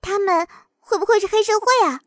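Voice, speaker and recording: A woman's voice: very high voice, lively intonation, a little fast, no echo, studio quality. A woman voicing a worried, chatty young female student in an audiobook. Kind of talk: audiobook dialogue acting.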